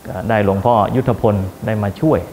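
A man's voice: fairly low pitch, fairly quick, dark tone, a little hiss or hum. A man, a school administrator, explaining the school's subjects in a plain-spoken interview manner.

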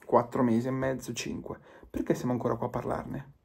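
A man's voice: mid-range voice, monotone, a little fast, gravelly, a little mellow, husky. A man giving an impassioned football fan monologue, emphatic and repetitive, pleading with his viewers. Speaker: football commentator.

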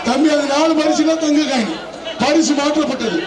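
A man's voice: very high voice, normal speed. A man with a Tamil Nadu accent giving live arena commentary over a public address system, repeating short exclamations and calls as he announces entries and prizes. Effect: amplified over a public address system. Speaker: jallikattu bull-taming event announcer. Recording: echoey outdoor loudspeaker, distant, loud crowd. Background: loud crowd at outdoor arena.

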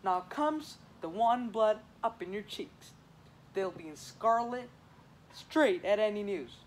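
A man's voice: high-pitched, slight background noise. A teenage boy playing a weary, teasing old woman nurse in a school Shakespeare reading, drawing out complaints about her aches. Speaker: student actor.

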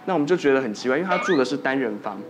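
A doctor with a Taiwanese Mandarin accent appears as a guest on a TV talk show, telling a spooky hospital story in soft sentences that trail off. His voice is medium-pitched and expressive, and he talks at a racing pace.

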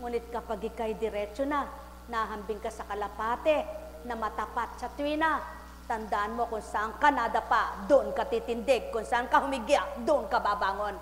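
A woman preaching a sermon, firing repeated rhetorical questions at the congregation and rising into loud exclamations. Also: fairly high pitch, moderate pace. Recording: echoey hall with faint hum.

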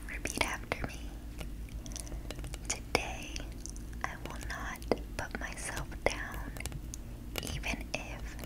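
A young woman gently whispers positive affirmations in a breathy ASMR style, close to the microphone, repeating her phrases. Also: slow pace, pauses often, rough recording. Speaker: ASMR creator. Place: dim living room, indoors.

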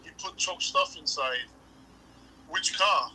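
A man's voice: on the high side, slow pace, pushed and bright, a little hiss or hum, low-quality recording. A man hosting a casual livestream chat, telling stories and laughing often. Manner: storytelling, laughs often, says bro, Hawaiian pidgin touches. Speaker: livestream host.

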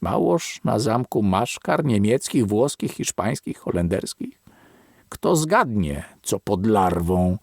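A man reading an audiobook, voicing a superstitious, wary old grandfather who grumbles and mutters slowly. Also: fairly low pitch, big pitch swings, creaky, dry recording, studio quality, exaggerated voice. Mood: musing.

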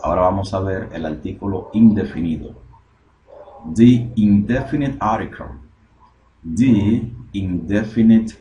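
A man's voice: deep voice, warm tone, lo-fi sound, a little hiss or hum. A man teaching English in a recorded lesson, explaining step by step and repeating phrases. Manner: slow, repetitive, explaining step by step.

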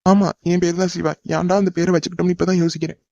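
Tamil-accented man for a cartoon dub, fast and exasperated, dark mellow tone, dull lo-fi dry recording. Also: high voice, flat delivery, creaky. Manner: exasperated and pleading. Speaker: voice actor in a cartoon. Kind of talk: animated cartoon dub acting.

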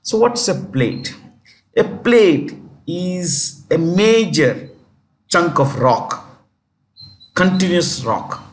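A man's voice: high-pitched, very animated, extremely slow, pauses often. A man with an Indian English accent teaching a current affairs lesson in a chatty way, often correcting himself and spelling words out.

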